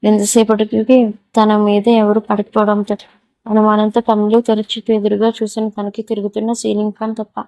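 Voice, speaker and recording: A woman storyteller reading a romance audio story in a steady, even way. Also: mid-range voice, dry recording. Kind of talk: scripted story narration.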